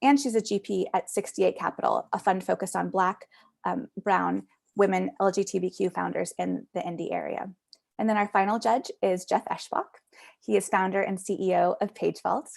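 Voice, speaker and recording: Event host on a video call, woman with a gravelly, fry-heavy voice, upbeat and chatty. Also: mid-range voice, steady tone, normal speed, darkish tone. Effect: heard over a video call. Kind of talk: hosting a pitch event.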